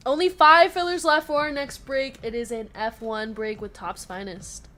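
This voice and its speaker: A woman hosting a live sports card break, chatty and upbeat, reading out names and teams in quick lists and answering viewer comments. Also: on the high side, steady tone, a bit bright, slight background noise. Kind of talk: casual live-stream chat while opening card packs.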